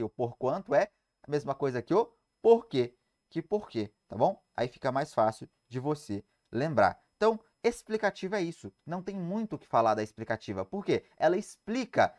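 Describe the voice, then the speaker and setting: A man's voice: fairly high pitch, darkish tone. A man with a Brazilian Portuguese accent teaching grammar in an online exam-prep lecture, emphatic and asking and answering his own questions.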